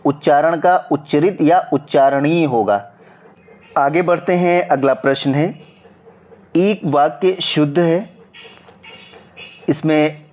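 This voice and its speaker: Speaking in a slightly high, somewhat mellow voice with a Hindi accent, this coaching teacher works through exam practice questions. He goes slowly, repeats himself, and frequently checks in with viewers.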